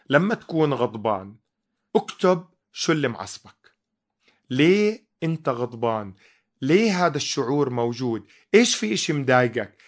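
A man's voice: on the high side, a bit bright. Emphatic preaching man. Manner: emphatic, many rhetorical questions. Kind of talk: teaching sermon.

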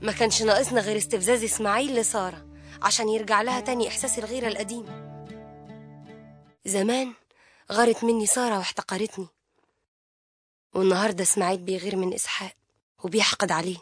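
A woman's voice: medium pitch, fairly even intonation, fast talker, pauses often, a bit bright, faint music behind, close to an everyday voice. Hagar, a woman playing a grieving mother. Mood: sorrowful. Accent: Egyptian Arabic. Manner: grieving, reflective narration. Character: Hagar, sorrowful mother narrating, bitter.

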